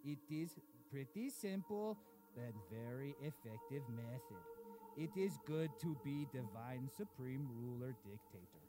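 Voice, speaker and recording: An actor playing a cruel, boastful dark lord king reading his diary in broken grammar, in a comedic audio sketch. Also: mid-range voice, lively intonation, measured pace, over music, close to an everyday voice. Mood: pompous.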